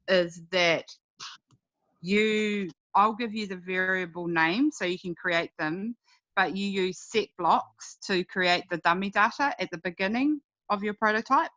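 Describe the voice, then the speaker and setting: A woman leading a casual work meeting over a video call, explaining things step by step in a brisk way. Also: medium pitch, a bit bright. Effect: heard over a video call. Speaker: project lead in a work meeting. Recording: dull lo-fi video call audio.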